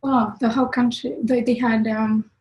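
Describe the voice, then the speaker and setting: A woman in her twenties from Rwanda, telling her own story as an interview guest, soft-spoken and hesitant, with many pauses and fillers. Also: fairly high pitch, little pitch movement, poor audio.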